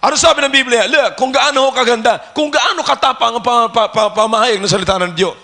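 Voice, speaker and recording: A man preaching with fire, his voice pitched very high and bright, with a gravelly rasp. He slides between Tagalog and English and keeps breaking into shouts on key Bible words. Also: quick pace. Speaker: pastor. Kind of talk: fiery sermon. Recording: old church recording.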